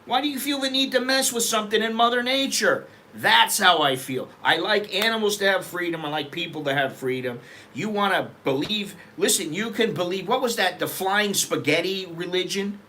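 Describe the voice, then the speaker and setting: A middle-aged man from America talks in a loose, rambling vlog style, blunt and quick to swear. His voice sits a little high and rings bright and forward. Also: slight background noise. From United States. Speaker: vlogger. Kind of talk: casual opinion vlog. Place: living in Bangkok.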